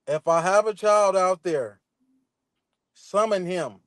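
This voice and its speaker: Defensive man with a high, dry voice. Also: dry recording. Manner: defensive, repetitive, halting restarts. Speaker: guest on a live stream. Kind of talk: live stream interview.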